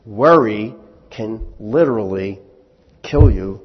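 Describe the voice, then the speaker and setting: A pastor with a lowish, slightly rough voice and lively intonation takes his time preaching a conversational sermon. He puts rhetorical questions to the congregation and raises his voice when he quotes scripture. Long hall reverb fills the dull, lo-fi audio.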